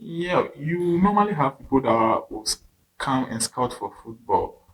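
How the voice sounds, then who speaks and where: A young Ghanaian man, a footballer and coach, telling his story in a halting casual interview and repeating his phrases. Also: medium pitch, very animated, fairly bright tone, rough recording.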